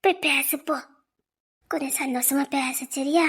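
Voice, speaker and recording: A woman's voice: sits high, fairly even intonation, a little slow, a bit bright. A young woman, acting a kind younger sister who soothes and consoles. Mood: consoling. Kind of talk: web series drama acting.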